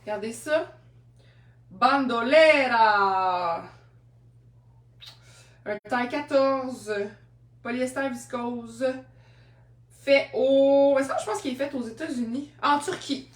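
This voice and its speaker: A woman with a Québécois French accent chats, tells stories and laughs often while showing second-hand clothes on a live stream. Her high voice is a little slow and sits far from the mic, giving a roomy, off-mic sound.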